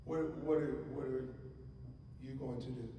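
At a church pulpit, a middle-aged man preaches a sermon conversationally, putting questions to the congregation through a handheld microphone. His mid-range voice is steady, unhurried and mellow, picked up from a distance in an echoey church hall with a little hiss or hum.

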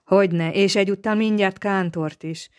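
A woman voicing a gruff, practical old professor who speaks curtly and gives orders. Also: mid-range voice, steady tone, a little mellow, lightly acted. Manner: curt, gruff and commanding.

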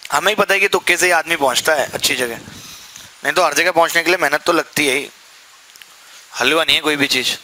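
A man's voice: on the high side, a little fast, pauses often, sharp tone, a little hiss or hum, rough recording. A young man teaching a maths class, asking the students questions and answering them himself, with jokey, chatty asides. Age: young adult. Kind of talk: classroom lecture.

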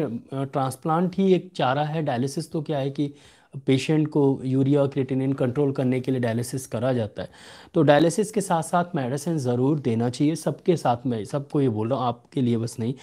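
Viewer questions get answered by a young male homeopathic doctor in a live clinic, recorded via desk webcam in a small room at home. He speaks at a medium pitch, steady and instructive, slowing down whenever he reads a question out.

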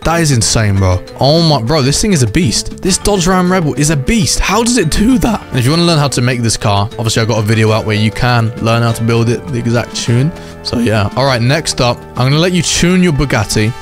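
Brief: young male gaming YouTuber, hyped race commentary, average pitch, faint music behind. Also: brisk. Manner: hyped, says "bro" a lot, jumps into shouts at race finishes. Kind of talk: excited gameplay commentary.

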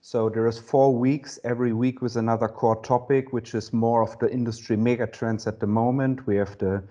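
A man's voice: mid-range voice, level tone, normal speed, dark tone, dull audio. A man, a company CEO, outlining an event program on a video call with enthusiasm, listing names with "uh" hesitations. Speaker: guest, co-founder and CEO.

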